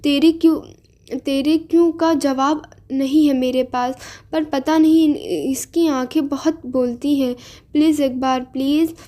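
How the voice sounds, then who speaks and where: A woman's voice: high voice, steady tone, a little slow, mellow. Woman voicing a coaxing elder sister. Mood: pleading. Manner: coaxing, begging. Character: pleading young woman, affectionate elder sister.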